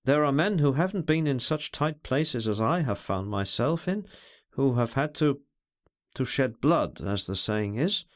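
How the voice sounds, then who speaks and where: A man reading aloud, voicing a brooding, bitter man who talks over his feelings in an introspective, measured way. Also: medium pitch, animated, lightly acted. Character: brooding, scornful, self-searching man.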